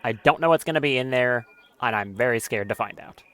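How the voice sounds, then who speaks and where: A man's voice: medium pitch, fairly quick, a bit bright. Man streaming gameplay, casual swearing commentary. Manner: casual, swears often, nervous running commentary.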